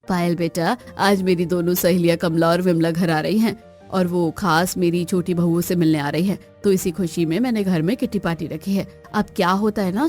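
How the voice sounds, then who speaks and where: A woman's voice: fairly low pitch, darkish tone, lightly acted. A woman voicing a strict but caring middle-aged mother-in-law in a cartoon, speaking in a firm, commanding, motherly way. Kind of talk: Hindi cartoon voice acting.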